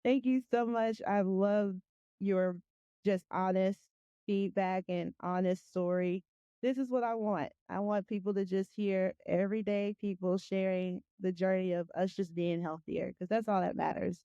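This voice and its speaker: A woman's voice: mid-range voice, fairly even intonation, unhurried, mellow, smooth, no echo, highs cut off. A woman hosting a podcast in a casual, chatty way, encouraging and effusive with her praise. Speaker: podcast host.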